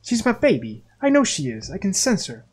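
A man voicing a gruff, hostile middle-aged animal mother in a video game, over soft game music. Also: sits high, huge pitch swings, a little fast, pitched above the performer's own voice, full character voice. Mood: distraught. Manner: suspicious and hostile.

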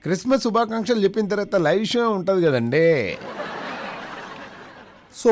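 A man's voice: high-pitched, dry recording. A man hosting a live radio show, telling comic stories in a chatty way and dropping in English phrases. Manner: chatty, mixes English phrases, switches between voices. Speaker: radio jockey.

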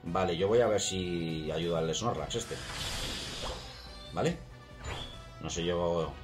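A man with a Spain accent commentating his own video game match, excitable and yelling at the action. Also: low-pitched, slow. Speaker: gaming channel host. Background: game music.

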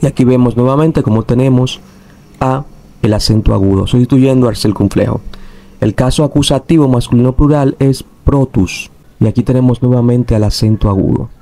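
A man teaching a recorded lesson, taking his time to explain each rule and then repeating it. His voice is gravelly, with a dark, mellow tone and a little fry at the ends of phrases. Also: mid-range voice, brisk. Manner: patient, repeats rules to make them clear.

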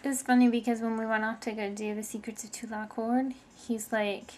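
A woman's voice: a little high, flat delivery, a little fast, a little mellow. A woman giving casual, rambling commentary while playing a video game. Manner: rambling, chatty, sometimes murmurs. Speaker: gaming video host.

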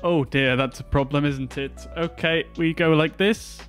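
A man's voice: a little high, fairly even intonation, measured pace, soft background music. A man streaming a flight sim over a headset mic, chatting casually and greeting viewers by name with plenty of filler words. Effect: livestream headset mic audio. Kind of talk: casual livestream chat.

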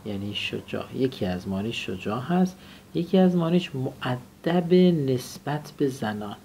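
A man teaches English words in a classroom lesson. He repeats each word and has his student say it back. His voice has a gravelly rasp, and a faint noise sits under the recording. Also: mid-range voice, expressive, darkish tone.

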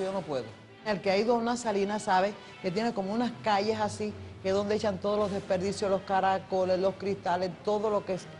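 A woman, an actress, telling a story in a documentary interview, acting out other people's lines as she goes. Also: mid-range voice. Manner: lively storyteller who acts out others' voices. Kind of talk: animated anecdote telling.

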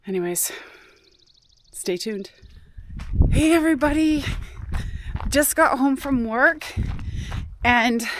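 A woman vlogging casually on her homestead, explaining her rabbit care as she goes and dropping to a soft hush near the animals. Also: high voice, slight background noise. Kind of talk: casual vlog chat.

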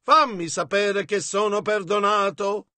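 A man interpreting a sermon line by line in a measured, steady delivery, as a close-miked voice-over. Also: high-pitched, no room sound.

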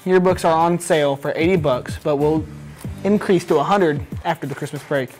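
A man's voice: on the high side, moderate pace, darkish tone. Teenage boy, student news co-host, school announcements, casual, folksy, faint background music. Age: teens. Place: small school video studio, seated at desk.

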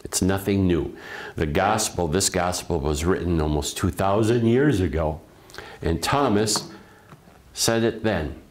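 A man speaking as a priest at a funeral, giving a gentle, reflective homily with some restarts. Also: sits low, measured pace.

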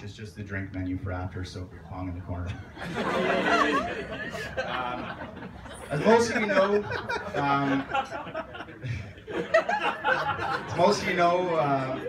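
A young man giving a joking, teasing wedding toast as best man, roasting the groom with pauses between lines. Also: on the low side. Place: outdoor garden tent at a wedding reception. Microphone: distant camera. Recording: roomy, far mic, loud laughing crowd noise. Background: guests laughing, loud ambient noise.

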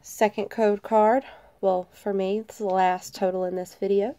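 Her voice is medium-pitched and mellow with little pitch movement, unhurried and free of echo. A card-opening channel host recovering from a cold, she sounds nasal as she casually chats, opens trading card packs, and reads each card aloud in turn with light laughter.

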